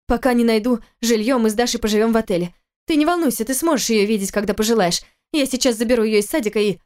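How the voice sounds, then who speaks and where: Brief: woman reading a young wife, higher voice, defensive, pleading. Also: a little fast, darkish tone, natural voice. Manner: pleading, indignant, agitated. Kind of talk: audiobook character reading.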